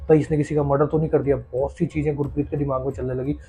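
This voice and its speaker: A man's voice: mid-range voice, level tone, very fast, mellow. A man narrating a horror story in a casual, conversational, suspense-building way. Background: faint background music.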